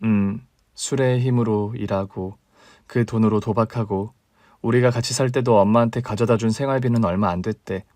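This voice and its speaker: A man voicing a caring older sister in a radio drama reading, calm and consoling in a low, quiet tone. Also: normal speed, no echo, natural voice. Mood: somber. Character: young woman, steady caring older sister.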